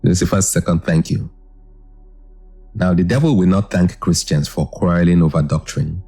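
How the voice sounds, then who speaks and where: A man with an extremely deep voice gives an earnest, measured commentary. His tone is dark and husky, with faint music underneath. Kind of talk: scripted commentary narration.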